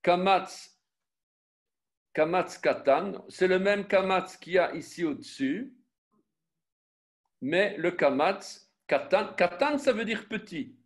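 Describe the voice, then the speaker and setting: Slow, methodical teacher spelling syllables. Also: male voice, high voice, lively intonation. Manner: self-correcting, with frequent fillers and restarts. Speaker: Biblical Hebrew teacher. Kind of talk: online class with screen sharing.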